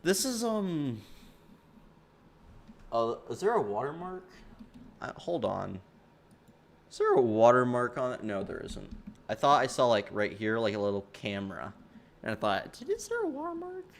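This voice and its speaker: Rambling man with a low voice. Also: animated, moderate pace, vocal fry. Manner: rambling, stumbles over words, many fillers. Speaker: streamer commenting on his own video. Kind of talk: casual behind-the-scenes commentary.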